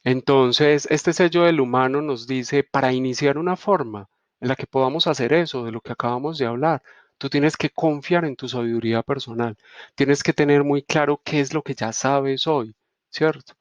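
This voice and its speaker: A man giving a reflective spiritual teaching, unhurried and checking in with rhetorical questions. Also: medium pitch, no room sound, muffled recording. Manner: unhurried, repeats rhetorical "¿sí?" and "¿cierto?".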